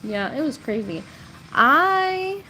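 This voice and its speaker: A woman's voice: high voice, very animated, slow, sharp tone, soft background music, low-quality recording. A woman in her thirties telling rambling, chatty stories about her past on a casual live stream, often breaking into laughs. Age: 30s. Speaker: storytelling creator.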